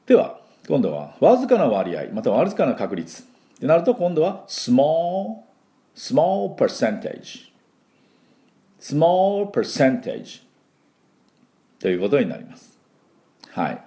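Lively Japanese man teaching English pronunciation. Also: mid-range voice. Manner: slow, drawn-out model words for the listener to repeat.

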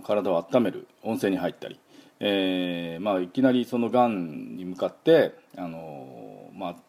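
A deep, gravelly man in middle age talks through a relaxed pronunciation lesson. His voice is dark and a little husky, and it rises and falls freely as he rambles with fillers and models each sound over and over. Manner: chatty, many fillers, demonstrates sounds repeatedly. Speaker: English pronunciation teacher. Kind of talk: casual spoken lesson.

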